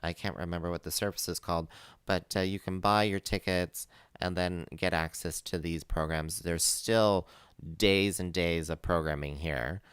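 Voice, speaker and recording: A man's voice: low-pitched, steady tone, moderate pace, fairly bright tone, smooth, no room sound, studio quality. A man hosting a live community radio show, chatting casually with plenty of fillers and easy laughter. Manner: rambling, many fillers, laughs easily.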